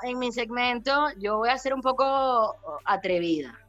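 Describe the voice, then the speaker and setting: A woman talks in a playful, flirty way that rambles from thought to thought. Her voice sits a little high, and she speaks as the host of her own segment in a casual radio chat. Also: measured pace, fairly bright tone, lo-fi sound.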